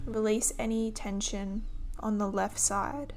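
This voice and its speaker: A woman leading a guided body-scan meditation in a gentle, soothing manner, giving instructions in short, unhurried phrases. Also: medium pitch, flat delivery.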